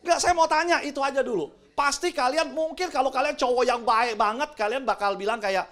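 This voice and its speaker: Middle-aged male preacher, high voice; chatty church sermon that mixes in English words and keeps asking the congregation for agreement. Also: brisk, a bit bright. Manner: keeps asking the audience "right or not?"; chatty, drops English words into his talk. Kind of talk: lively youth sermon. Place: church with a congregation, also livestreamed.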